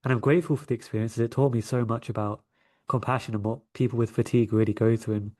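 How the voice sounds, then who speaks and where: This coach and energy healer from London, England, speaks with a London accent as an interview guest, sharing stories in a conversational way. He talks fast, with a steady, dark tone in a mid-range voice.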